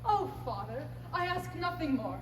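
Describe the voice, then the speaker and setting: A woman's voice: high voice, very animated, moderate pace. A woman playing a young son in love who defies his father, in a stage play performance. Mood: earnest. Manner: pleading then defiant. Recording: echoey theater stage from far off, noisy.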